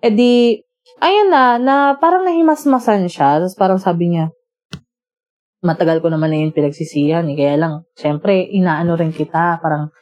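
A woman telling friends about a breakup in a casual chat, animated, quoting both sides and laughing often. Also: fairly low pitch, normal speed. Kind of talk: casual storytelling among friends.

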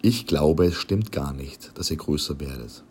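Brief: tiny fat king, proud and musing, deep low voice, read by a man. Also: a little slow, slight background noise, heavily acted. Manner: calm, musing, explaining. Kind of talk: audiobook character reading.

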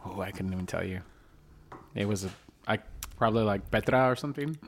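A man's voice: on the low side, brisk, a little hiss or hum. A man co-hosting a podcast in loose, casual banter, swearing and laughing often. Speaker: podcast co-host.

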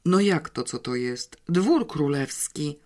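An audiobook narrator voicing an energetic, impulsive schoolboy who blurts out his answers. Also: medium pitch, slow pace. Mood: excited. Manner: blurting, determined, loud. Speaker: child character in an audiobook. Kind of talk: audiobook character reading.

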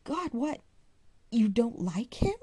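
A woman's voice: fairly high pitch, very animated, takes it slowly, warm tone, husky, pitched above the performer's own voice, heavily acted. A woman voicing a melancholy young man who speaks mildly and regretfully. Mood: concerned.

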